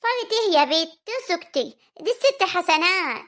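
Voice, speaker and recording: Woman playing a slow-talking doting village mother. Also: very high voice, expressive, fairly bright tone. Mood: tender. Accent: rural Egyptian Arabic.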